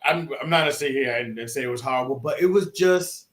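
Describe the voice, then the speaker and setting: A man co-hosting a podcast in casual chat, excitable and rambling, with lots of restarts and fillers. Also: medium pitch, fast talker, reverberant. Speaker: podcast co-host.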